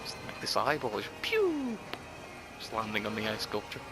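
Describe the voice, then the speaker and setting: A man's voice: lowish voice, wildly swooping pitch, moderate pace, rough recording. Guy doing a let's play, cracking jokes and swearing, reads notes out all dramatic, game music going. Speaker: game commentator.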